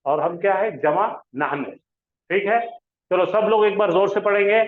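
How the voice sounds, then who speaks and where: A man teaching a grammar class at a slow, deliberate pace. He drills his listeners with question-and-answer repetition, and his fairly high voice comes through a thin, phone-like line from an echoing room. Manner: drills pronouns with call-and-response questions. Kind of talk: classroom lesson. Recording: echoey room over a tinny phone-like line.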